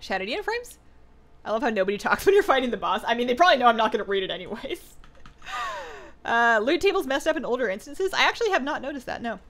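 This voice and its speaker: Pitched on the high side and slightly bright, this woman speaks very animatedly at a quick pace. She chats with viewers during a casual gaming stream, reading questions aloud and dropping frequent "like"s and "um"s, her voice a touch frayed from two hours of talking.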